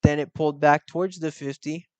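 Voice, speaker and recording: A man's voice: a little high, steady tone, fairly quick, clear, resonant tone, no echo. A young man hosting a casual trading tutorial, explaining step by step with slangy asides and check-ins. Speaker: forex trading channel host.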